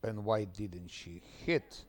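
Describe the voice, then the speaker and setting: A man from Ukraine with an Eastern European accent, giving casual commentary as he streams a game. He often mutters quietly to himself and restarts his sentences. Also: lowish voice, fairly even intonation. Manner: mutters quietly while playing, halting restarts.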